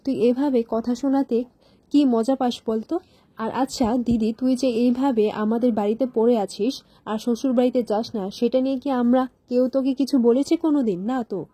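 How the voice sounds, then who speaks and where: A woman's voice: on the high side, steady tone, normal speed, mellow, slightly rough, no room sound. A woman voicing a young husband who keeps questioning and protects his wife. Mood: scolding. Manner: probing questions.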